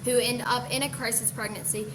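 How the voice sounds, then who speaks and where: A woman in her twenties, a college student, speaking calmly in an interview. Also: fairly high pitch, fairly quick, background noise. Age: 20s.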